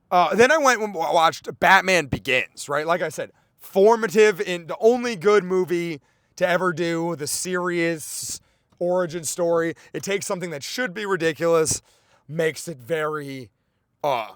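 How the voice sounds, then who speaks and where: A man hosting a comedy podcast, rambling excitedly through a profane monologue full of sidetracks. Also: high voice, no room sound, clean studio sound.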